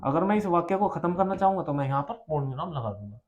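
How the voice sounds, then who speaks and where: A male teacher gives an exam-prep grammar lesson, his voice set a little high. He asks and answers his own questions and repeats each key term. The recording sounds dull and lo-fi. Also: expressive, fast, darkish tone. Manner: explains with rhetorical questions, repeats key terms.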